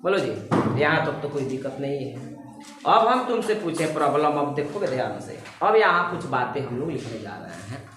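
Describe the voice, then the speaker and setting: A woman tutoring chemistry in a classroom lecture. She spells terms out letter by letter and keeps quizzing her students with quick check questions. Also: low-pitched, sing-song, a bit bright, slight background noise. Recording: very echoey classroom with students audible.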